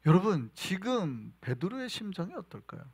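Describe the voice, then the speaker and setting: A male pastor preaching a sermon, telling the story with lively energy and acting out quoted lines loudly. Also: sits high, moderate pace, breathy edge. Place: church sanctuary.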